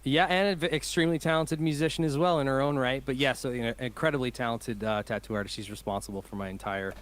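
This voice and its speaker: Musician guy on a video call, mid pitch, rambly and keen, laughs lots. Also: steady tone, quick pace. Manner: enthusiastic, laughs often, rambling. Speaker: musician guest. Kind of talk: casual interview chat.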